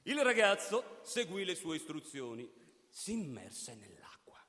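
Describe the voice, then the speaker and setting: Brief: male storybook narrator, high and lively, expressive, long hall echo. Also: unhurried.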